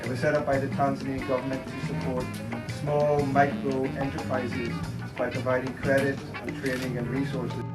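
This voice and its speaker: A man from a charity speaking in a measured, hesitant way in an interview. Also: medium pitch, little pitch movement. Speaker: charity organiser. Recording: roomy, distant, loud music.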